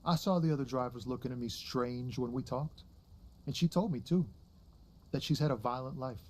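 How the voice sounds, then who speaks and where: An actor playing a weary, tender truck driver in a video game, speaking in a reflective, sincere and halting way. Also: male voice, mid-range voice, close to an everyday voice. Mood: protective, sad. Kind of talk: dramatic video game dialogue.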